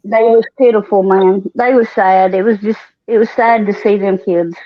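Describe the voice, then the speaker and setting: A woman's voice: medium pitch, steady tone, moderate pace, muffled recording. A woman with an Appalachian accent giving blunt, folksy answers in a casual panel interview. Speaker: guest witness.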